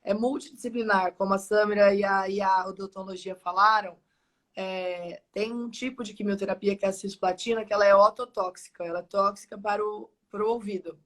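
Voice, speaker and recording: Woman, interview host, casual talk, middle pitch, affirming, conversational. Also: fairly even intonation, fairly bright tone. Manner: affirming, quick to agree and add points.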